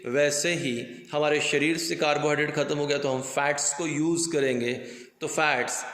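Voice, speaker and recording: A man with a fairly high voice gives a science lecture. He explains terms with everyday examples and checks in with his students. The sound rings with a long reverb in an echoey room. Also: fairly even intonation, moderate pace, fairly bright tone. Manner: switches into English terms. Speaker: teacher.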